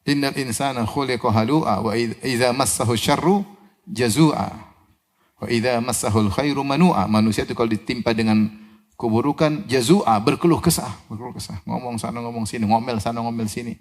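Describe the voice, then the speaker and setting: Male preacher, sermon, animated delivery, pitch jumps on key words, asks and answers questions. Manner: asks the audience questions and answers them himself; recites verses in Arabic, then explains them.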